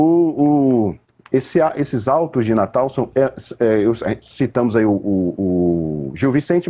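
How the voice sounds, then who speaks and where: Homem brasileiro de voz suave e rouca, didático. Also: male voice, medium pitch, dark tone, breathy edge. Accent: Brazilian. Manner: didactic, unhurried, with frequent restarts and "né?" tags. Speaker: poet explaining literature. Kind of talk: casual conversation.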